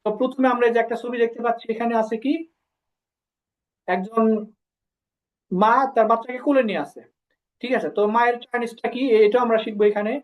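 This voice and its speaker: A woman's voice: a little high, steady tone, a little fast, pauses often, darkish tone, rough recording. A woman teaching a language class online, explaining step by step and repeating syllables for her students to copy.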